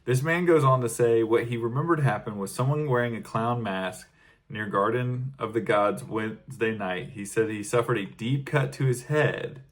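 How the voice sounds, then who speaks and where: A man's voice: mid-range voice, moderate pace. A man co-hosting a casual comedy podcast, reading news clippings aloud with dry, wry asides. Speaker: podcast co-host.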